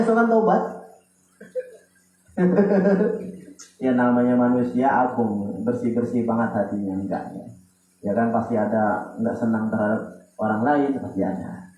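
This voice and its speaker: A man preaching a sermon who acts out tearful prayers and climbs to loud, pleading cries. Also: medium pitch, expressive, takes it slowly, pauses often, slight background noise. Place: Islamic boarding school hall. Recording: muffled echoey hall sound.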